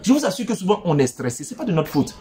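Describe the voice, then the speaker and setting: A man giving relationship advice in a playful, teasing monologue that swings between loud outbursts and low asides, speaking straight to his listeners. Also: very animated, quick pace, faint music behind.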